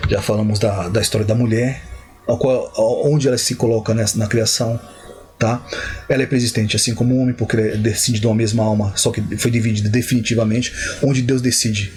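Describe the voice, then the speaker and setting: A man's voice: mid-range voice, darkish tone. Male Bible teacher, casual livestream tone, stops often to check in and correct himself. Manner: conversational, frequent "tá?" check-ins and self-corrections.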